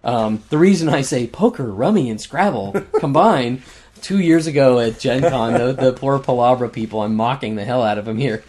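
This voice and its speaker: A man's voice: medium pitch, moderate pace, darkish tone. Chatty man listing board games. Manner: enthusiastic, laughs often, lists game facts with fillers. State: losing his voice. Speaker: podcast co-host reviewing board games. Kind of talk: casual chat.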